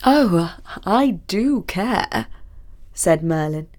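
A woman voicing an old male wizard who speaks in a measured, grave way. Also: lowish voice, lively intonation, darkish tone.

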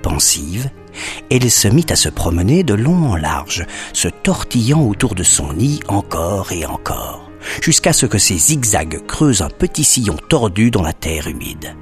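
A man narrating a children's story expressively, dropping to a hush at suspenseful moments. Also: lowish voice, sing-song, measured pace, faint music behind.

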